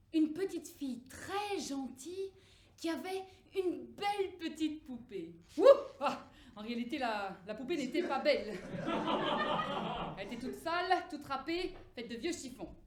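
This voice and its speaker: A young woman drama student telling a crude fairy tale on stage in a playful, animated way, laughing often. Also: high-pitched, unhurried, long pauses, echoey room. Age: young adult. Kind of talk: theatrical storytelling. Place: theater stage.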